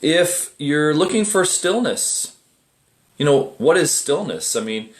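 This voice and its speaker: Animated, conversational male meditation teacher. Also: on the high side, slow. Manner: relaxed, conversational, asks rhetorical questions. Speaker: meditation teacher and group admin. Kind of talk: casual livestream meditation talk.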